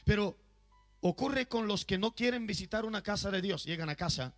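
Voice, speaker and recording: Male pastor, high voice, emphatic sermon delivery in church, faint music behind. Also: moderate pace, a bit bright. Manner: emphatic, often asks the audience questions.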